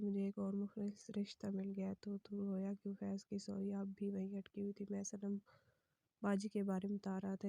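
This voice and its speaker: Woman narrator for a romance novel reading, very flat and dark in tone, soft and breathy, close dry mic. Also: medium pitch, no echo. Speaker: novel reader.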